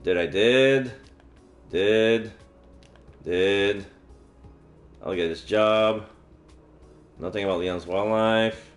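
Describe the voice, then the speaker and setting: With a fairly low pitch, drawn-out words, and long pauses, a man reads a visual novel's text aloud during his livestream, muttering joking asides. Game music plays faintly in a roomy-sounding space.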